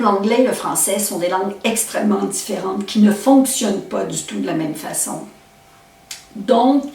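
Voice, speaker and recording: A woman poet from Quebec with a Québécois accent, answering interview questions in a thoughtful way and often pausing to search for words. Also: medium pitch. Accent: Québécois French. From Quebec, Canada. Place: poetry festival. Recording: roomy echo, mic at a distance.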